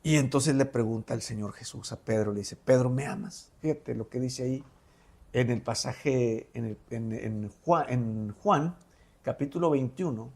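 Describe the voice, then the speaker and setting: A man's voice: mid-range voice, a little slow, darkish tone, breathy edge. A man teaching a Bible study lesson in a conversational way, reading scripture and retelling it with frequent fillers and self-corrections. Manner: conversational, paraphrases and reads scripture aloud.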